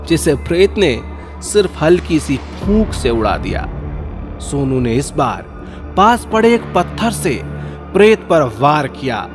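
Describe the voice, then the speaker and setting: A man narrating a ghost story in a wry, jokey scripted style. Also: a little high. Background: music.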